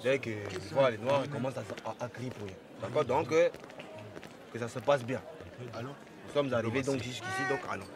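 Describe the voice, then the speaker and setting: A man acting a blustering traveler who leads his group and is quick to anger, in a comic sketch. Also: mid-range voice, steady tone, close to an everyday voice. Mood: coaxing. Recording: crowd noise behind. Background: airport crowd noise.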